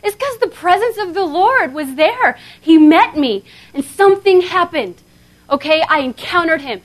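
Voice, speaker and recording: Woman, 30s, high voice, casual animated seminar preacher. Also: normal speed. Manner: animated, conversational, frequent "okay?" checks. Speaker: seminar speaker. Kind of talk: sermon-style talk. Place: seminar hall before an audience.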